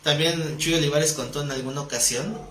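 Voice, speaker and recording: A man with a Mexican accent teaching a live Bible class to a group, animated and joking, acting out voices as he tells stories. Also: a little high, brisk. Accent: Mexican Spanish. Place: room with a live audience. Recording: echoey room, faint noise.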